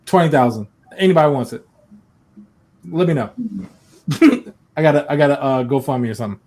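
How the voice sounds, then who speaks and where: A man co-hosting a casual chat, animated and laughing often, slipping into joking voices. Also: medium pitch, a little fast.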